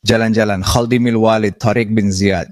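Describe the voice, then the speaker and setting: A man's voice: fairly low pitch, steady tone, moderate pace, no room sound, studio quality. Casual, boastful man talking.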